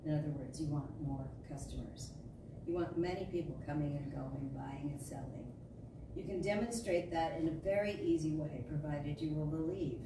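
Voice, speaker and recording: In a large room at a spiritual center, a low-pitched woman reads a spiritual talk aloud as a storyteller would, dramatizing a metaphysical sermon. Her delivery is emphatic and declarative, each phrase deliberate. The sound is distant, echoing through the hall, with plenty of noise.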